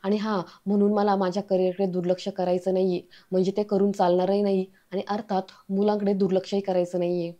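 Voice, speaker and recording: A proud, touchy young wife who defends herself and slips English into her talk, read aloud by a woman. The voice stays mellow and level. The recording is slightly dull and lo-fi. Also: mid-range voice, flat delivery, fast talker, few pauses, lightly acted. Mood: earnest.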